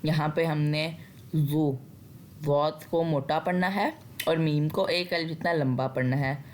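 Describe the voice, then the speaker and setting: A woman's voice: low-pitched, fairly even intonation, measured pace, darkish tone. A woman with a Pakistani Urdu accent teaching Quran recitation rules patiently, step by step. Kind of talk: tajweed lesson with recitation.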